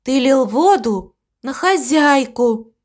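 Woman doing a motherly storybook cow, patient, explains everything slow and sing-songy. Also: high-pitched, animated, a little mellow, voice pushed up. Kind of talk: storybook reading.

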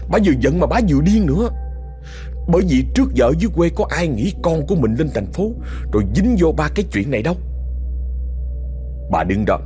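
Male storyteller, Southern accent, chatty, directly addresses the audience, very expressive pitch. Casual oral narration. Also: fairly quick, long pauses, faint music behind. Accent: Southern Vietnamese.

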